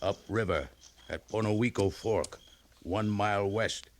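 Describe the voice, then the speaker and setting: Actor as a slow, low-voiced, terse scout. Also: male voice, a little hiss or hum, lightly acted. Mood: grave. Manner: clipped, halting broken English. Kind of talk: old-time radio western acting.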